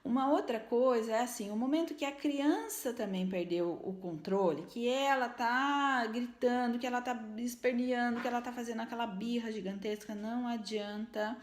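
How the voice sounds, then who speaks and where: A woman's voice: on the high side, normal speed, few pauses, roomy sound. A woman gives earnest, explanatory parenting advice to camera, often checking in with little tag questions. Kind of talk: casual advice talk to camera.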